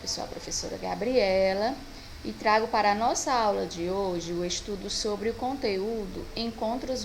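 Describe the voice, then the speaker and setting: A woman teacher with a Brazilian Portuguese accent, giving a recorded grammar lesson with slow, patient explaining and stretched-out example words. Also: mid-range voice, gravelly, a little hiss or hum, rough recording.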